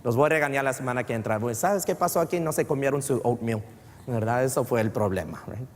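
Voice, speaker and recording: A man, preaching a sermon as pastor, often rising to shouts and mixing in English words. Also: medium pitch, fast talker. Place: church sanctuary. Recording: church hall with long reverb.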